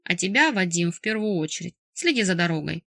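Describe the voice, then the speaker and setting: A doting middle-aged father, voiced by a woman reading an audiobook, who fusses and coaxes yet snaps into gruff orders. He sounds stubborn and protective, used to being the boss. The recording is dry and close, with no room sound. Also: fairly low pitch, animated, quick pace, fairly bright tone, no echo, heavily acted. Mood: stern. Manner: coaxing and fussing, turning gruff and commanding. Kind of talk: audiobook character voice.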